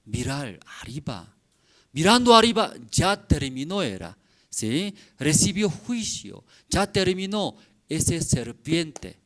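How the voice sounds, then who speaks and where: A pastor delivers a sermon in short, simple phrases, pausing often to ask his listeners questions. His pitch rises and falls a great deal. He speaks at an unhurried, deliberate pace. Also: sing-song. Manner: simple, broken phrasing peppered with rhetorical questions and "mm?"; repeats questions to a congregation addressed as brothers.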